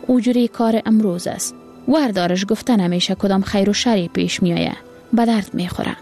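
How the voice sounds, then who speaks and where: A woman's voice: mid-range voice, darkish tone, soft background music, close to an everyday voice. A woman voicing a tired, grieving carpenter father, speaking wearily. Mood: weary. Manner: tired and sorrowful.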